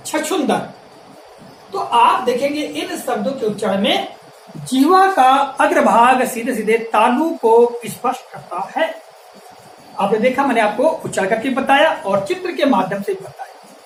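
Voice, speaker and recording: A high-pitched man gives a classroom-style grammar lesson, spelling out each sample word slowly and emphatically. His voice rings in an echoey room and sounds a little far from the mic, with faint ambient hiss behind it. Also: a bit bright. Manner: deliberate, emphatic enunciation of sample words. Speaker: teacher.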